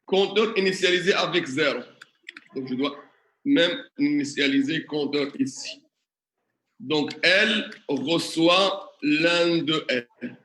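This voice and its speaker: A man teaches a classroom tutorial, asking students questions and walking through examples one step at a time. His voice is high and bright, and he talks at an unhurried pace. The sound is roomy, with the echo of a classroom. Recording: echoey classroom.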